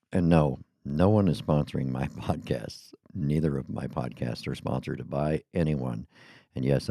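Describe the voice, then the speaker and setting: A middle-aged man hosts his podcast from a small home studio, rambling chattily and wandering off on tangents in a casual monologue. His voice is extremely low, creaky, and mellow, captured on a studio microphone with no echo.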